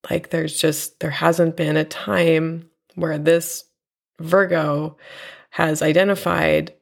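A woman hosting her own podcast from home, talking in a reflective, unhurried way with a nasal voice from a cold. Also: deep voice, gravelly. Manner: reflective, unhurried, with fillers and soft laughs. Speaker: podcast host and teacher. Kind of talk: personal podcast monologue. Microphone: home podcast mic.

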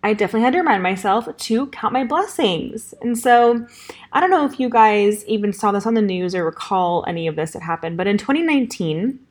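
A woman's voice: medium pitch, expressive, brisk. Bubbly Valley Girl podcast host. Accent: Californian Valley Girl. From Southern California. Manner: bubbly, upbeat, chatty with fillers like "like" and "um". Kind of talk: casual solo podcast chat.

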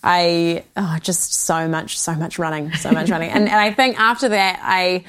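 Slightly low-voiced New Zealand woman chatting. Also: steady tone, normal speed, fairly bright tone. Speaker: interview guest. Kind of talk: casual conversation.

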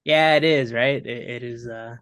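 A man in mid pitch chatting casually about a film on a podcast. He rambles and restarts, leaning on fillers as he goes. The sound is dry and close, with no room around it. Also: moderate pace, a bit bright, smooth, dry recording. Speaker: podcast co-host.

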